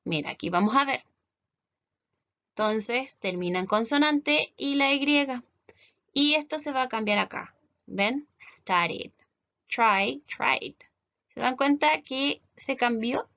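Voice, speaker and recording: A woman's voice: high-pitched, takes it slowly, vocal fry, pauses often, bright, forceful tone, muffled recording. A woman teacher with a Chilean accent, giving a recorded class step by step and often checking that her students follow. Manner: explains step by step, often asks "¿cierto?" to check understanding. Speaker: English teacher.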